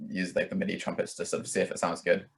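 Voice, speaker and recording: Talking very fast in a low, monotone voice with vocal fry, a young man chats casually as an interview guest. He's a musician who rambles, hedges, and leans constantly on "like" and "kind of."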